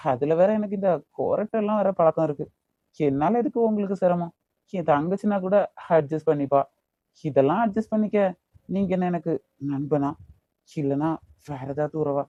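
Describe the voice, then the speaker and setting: Man voicing a protective older brother, Kanyakumari Tamil accent, mellow tone, dry close sound. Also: on the high side, normal speed, no echo, highs cut off, lightly acted. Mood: teasing. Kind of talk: amateur cartoon voice acting.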